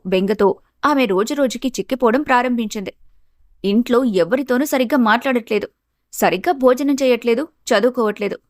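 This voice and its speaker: A woman narrating a family story in a steady, dramatic storytelling manner. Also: fairly high pitch, no echo, clean studio sound.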